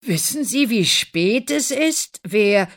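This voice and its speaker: A woman's voice: a bass voice, very animated, measured pace, a bit bright, husky, full character voice. A woman voicing a grumpy, sleepy middle-aged father woken at night, in a storybook reading.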